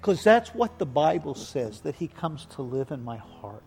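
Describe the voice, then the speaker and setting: A man doing a calm, sick little boy. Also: fairly high pitch, moderate pace, vocal fry. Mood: gently insistent. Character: sick eight-year-old boy, calm and sure. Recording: echoey hall with faint music.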